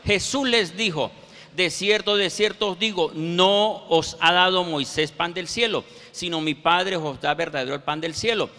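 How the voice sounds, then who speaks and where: A man preaching a sermon, quoting scripture verses with slow, emphatic pauses. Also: sits high, bright, forceful tone. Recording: reverberant hall.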